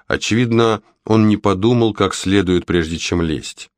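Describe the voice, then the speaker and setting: A man narrating a children's fantasy audiobook in a lively storytelling manner. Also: fairly low pitch, moderate pace, dry recording.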